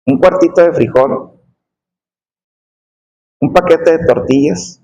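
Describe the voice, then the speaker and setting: A middle-aged man telling a testimony in a sermon, his voice dropping low and slow on painful memories. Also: dark tone, rough recording. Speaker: preacher giving testimony.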